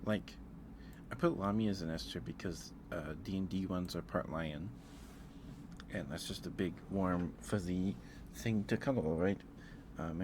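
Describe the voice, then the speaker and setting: This low-pitched man hosts a casual ASMR livestream and answers his viewers as he goes. His talk is hesitant and rambling, frequently restarting partway through a thought, and background noise can be heard.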